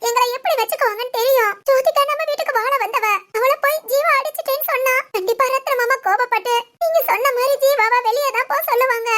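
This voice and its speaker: A woman's voice: extremely high pitch, fast talker, hardly any pauses, a bit bright. A woman voicing a tearful young wife. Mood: pleading. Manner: pleading, apologetic. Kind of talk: animated family drama voice acting.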